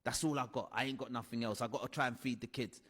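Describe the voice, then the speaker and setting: A man voicing his worn-down, broke mother, quoting her low, quiet and resigned words. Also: fairly even intonation, fast talker, husky, long reverb tail. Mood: weary.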